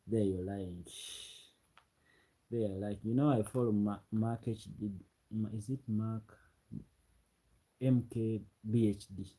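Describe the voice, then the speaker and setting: A young man from Uganda chats loosely on a late-night livestream, reading comments in a relaxed, rambling way and often repeating phrases. His voice is lowish with a breathy edge, slow, with frequent pauses. The recording is low-quality.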